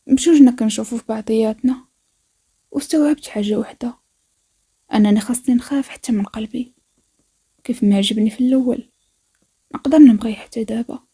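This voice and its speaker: A woman with a Moroccan accent narrating a first-person story in a soft, intimate way. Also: a little high, fairly quick, long pauses, slightly rough.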